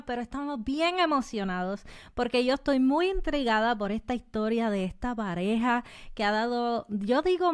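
A woman's voice: fairly high pitch, clean tone. A woman in her thirties hosting a podcast, welcoming her guests with enthusiasm into a studio mic. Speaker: podcast host. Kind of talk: casual chat. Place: home studio. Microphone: studio mic with headphones.

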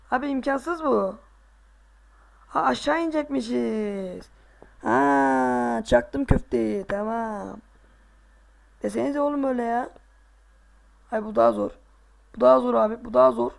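A male gaming host giving casual let's play commentary, excitable, groaning and boasting to himself as he plays. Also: very high-pitched, creaky.

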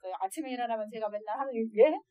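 Lively woman telling parenting stories. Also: a little high, racing, no echo, dull audio. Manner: lively, acts out quoted voices and laughs often. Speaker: adoptive mother speaking at a parent education session. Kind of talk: storytelling lecture to parents.

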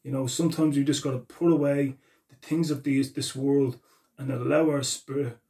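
A man's voice: mid-range voice, level tone, moderate pace, gravelly, mellow. A man preaching an earnest sermon, reading and explaining scripture verses and repeating the references as he goes.

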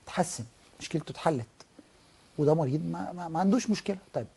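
Fast-talking Egyptian doctor explaining. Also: male voice, a little high, gravelly, mellow, breathy edge. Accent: Egyptian Arabic. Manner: fluent and explanatory, acts out examples. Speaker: ENT professor and guest doctor. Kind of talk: explanatory TV health talk.

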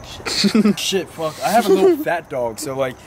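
A man's voice: a little high, big pitch swings, normal speed, crowd noise. A young man joking nervously outdoors at night, swearing a lot. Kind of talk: casual banter.

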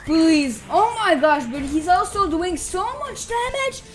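A female gamer giving excited live gameplay commentary, repeating exclamations and casual slang like bro. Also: extremely high pitch, a little slow, faint music behind. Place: voice-over on screen-recorded gameplay, game music behind.

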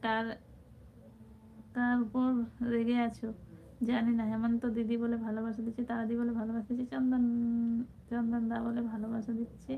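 A woman's voice: fairly high pitch, flat delivery, fairly quick, gravelly, long pauses. Chatty woman on a tinny live stream. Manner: chatty, affectionate, calls viewers brother and sister. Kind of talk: casual live-stream chat, reading viewer comments. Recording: tinny phone-like sound with faint background noise.

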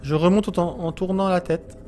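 A man's voice: high-pitched, fairly even intonation, moderate pace, dark tone, slight background noise. A gaming YouTuber commentating a let's play, jumpy and easily scared, yelping and talking to the creatures he meets. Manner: jumpy, frightened, talks to creatures, yelps.

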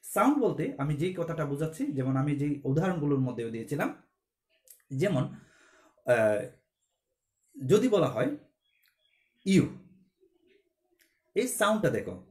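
A man's voice: fairly high pitch, very animated, measured pace, pauses often, mellow, roomy sound. A man teaching English grammar to a class, explaining step by step and asking questions before answering them himself.

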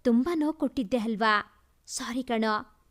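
A woman voicing a remorseful young husband who apologizes softly. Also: on the high side, normal speed, pitched below the performer's own voice, natural voice. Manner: soft, apologetic.

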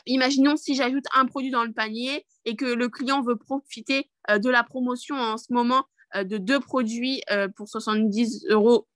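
A woman's voice: on the high side, fairly bright tone, no echo. A young woman leading a live online training over a video call, chatty and upbeat, with many fillers and restarts. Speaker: network marketing trainer.

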